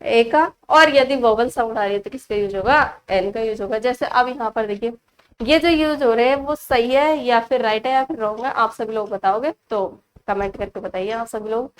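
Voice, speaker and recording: A woman with an Indian accent teaching an online grammar lesson. She asks her students questions and answers them herself, repeating key words slowly as a drill. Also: fairly high pitch, a little hiss or hum, low-quality recording.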